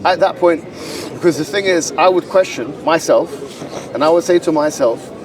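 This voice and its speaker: Captured from afar amid a crowd in a public park, a London man debates in an argumentative, lecturing style, fast and insistent. His voice is fairly high, and the recording is a distant outdoor street capture.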